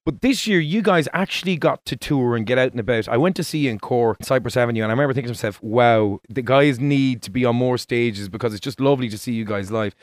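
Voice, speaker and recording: A man's voice: medium pitch, fast, few pauses, no room sound. A man with an Irish accent hosting a conversational radio interview in a chatty, complimentary way. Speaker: radio host.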